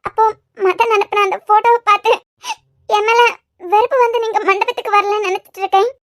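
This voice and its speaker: A woman's voice: very high-pitched, fairly even intonation, fast talker, fairly bright tone, no room sound, clean studio sound. A woman voicing a tearful young bride in a cartoon, pleading her innocence, with a Kanyakumari Tamil accent.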